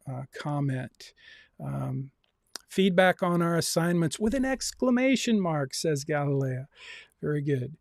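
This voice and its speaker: A man's voice: on the high side, darkish tone, no echo, clean studio sound. A man teaching a livestreamed university class, reading out students' comments and coaxing more answers. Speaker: university professor.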